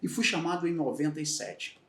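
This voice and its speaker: A Bahian man from Salvador, Brazil, a retired federal police agent, shares reflective, candid stories on a casual podcast, often starting over mid-thought. His slightly high, gravelly voice has a fairly bright tone and moves a little fast in Bahian Brazilian Portuguese. Echo fills the room, and he sounds far from the mic.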